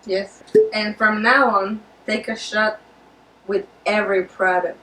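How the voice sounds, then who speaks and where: A woman's voice: medium pitch, steady tone, unhurried, very noisy. A woman who is a native Spanish speaker chats casually, prompting a friend from off camera. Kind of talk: casual chat. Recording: roomy, distant from mic, faint music.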